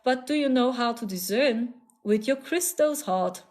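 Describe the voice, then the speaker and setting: Her voice is a little high, expressive and a bit mellow, and she never hurries. She's a German-accented spiritual channeler hosting a live stream, repeating herself soothingly and earnestly with frequent little laughs.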